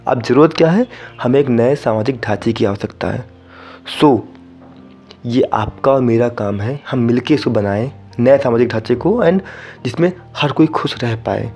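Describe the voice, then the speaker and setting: A man's voice: mid-range voice, moderate pace, darkish tone, breathy edge, faint music behind. A young man from India hosting a solo podcast, talking casually and directly to his listeners and slipping English phrases into his sentences. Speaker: podcast host.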